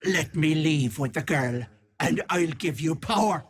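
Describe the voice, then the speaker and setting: A husky, low-voiced old hag, purring sugary endearments that curdle into sly menace. She drawls slowly and swoops widely up and down in pitch, like a cruel game villain playing the kindly auntie. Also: lively intonation, heavily acted. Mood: sly menacing. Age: older. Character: wicked old hag posing as a sweet auntie. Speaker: game character. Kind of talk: video game voice acting.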